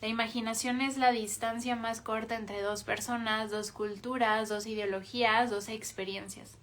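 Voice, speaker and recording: A woman reading a book aloud for a book club, in a calm, measured way with small self-corrections. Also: on the high side.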